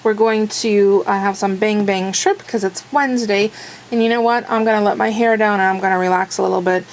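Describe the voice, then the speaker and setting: A woman's voice: mid-range voice, fairly even intonation, a little fast, a little hiss or hum, rough recording. A woman vlogging her day in a chatty, rambling, self-deprecating way, her voice a little worn from talking. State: losing her voice. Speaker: daily vlogger. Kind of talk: casual chat to camera.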